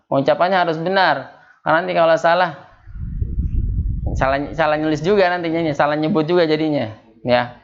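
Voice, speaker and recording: A man's voice: on the high side, a little fast, long pauses, highs cut off. A man teaching Quran recitation rules at a home study circle, patiently drilling Arabic letters and quizzing his students.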